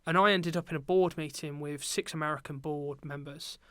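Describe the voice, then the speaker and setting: A man's voice: on the high side, fairly quick, smooth, no room sound. A young adult British man telling work stories in a casual podcast chat, with lots of ums. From Britain. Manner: relaxed storytelling with many ums. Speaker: podcast guest, teacher and business owner.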